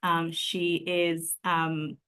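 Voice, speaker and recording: Steady low-voiced woman host. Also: very slow, clear, resonant tone. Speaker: host introducing the program. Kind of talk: webinar introduction.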